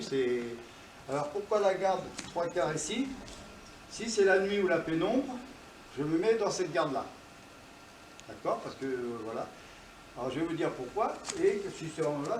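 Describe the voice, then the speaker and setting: A man's voice: a little high, slight background noise. A man teaching self-defense to a class, explaining each move while he demonstrates it and punctuating strikes with sound words. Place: dojo, indoors. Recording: roomy hall, distant mic.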